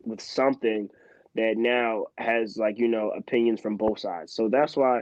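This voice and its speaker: A young man in his twenties from Philadelphia, a guest in a casual interview, telling stories in an animated, emphatic way. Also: on the low side, unhurried, dry recording. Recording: slightly dull, muffled sound.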